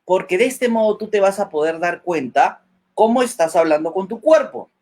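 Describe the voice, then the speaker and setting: Guy coaching on public speaking in a webinar, keeps saying "ok?", high voice that jumps all over. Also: lively intonation, moderate pace, darkish tone. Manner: checks in with "¿ok?" after nearly every point; acts out example lines in a changed voice. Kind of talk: webinar advice talk.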